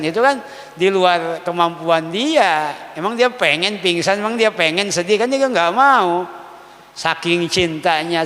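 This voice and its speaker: A male religious teacher leads a kitab study. He reads Arabic slowly, then explains it in casual, joking everyday speech. The long hall reverb trails behind each phrase. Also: sits high, a bit bright.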